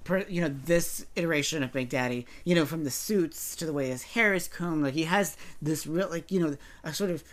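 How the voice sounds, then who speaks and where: A man's voice: on the high side, brisk, hardly any pauses. A man from Appalachia co-hosting a podcast, chatting loosely about a TV show with many fillers and self-corrections. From Appalachia, United States. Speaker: podcast co-host. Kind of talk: casual chat about a TV show.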